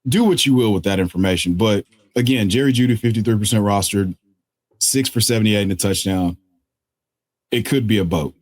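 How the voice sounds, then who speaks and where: A man hosting a casual fantasy football waiver breakdown, excitable and joking, correcting himself on the fly. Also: on the low side. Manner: excitable, joking asides, quick self-corrections. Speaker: fantasy football analyst host. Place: at a desk indoors.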